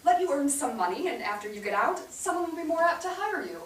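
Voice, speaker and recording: A stage actor gives a staged reading of a period family drama, playing a weary mother who explains hard news to her sons in a gentle but firm, matter-of-fact way. Her voice is high-pitched, very animated, and fast. Recorded from afar on an indoor theatre stage, the sound is roomy with a distant mic and hissy background.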